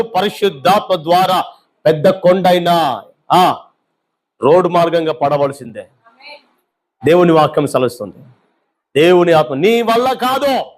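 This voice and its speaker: High-voiced man preaching with fervor. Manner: impassioned preaching, rhetorical questions. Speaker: pastor. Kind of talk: sermon.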